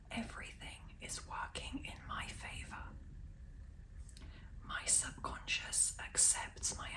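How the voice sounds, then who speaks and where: A woman ASMR host giving a whispered pep talk, reading out affirmations slowly and very quietly. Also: far from the mic, poor audio.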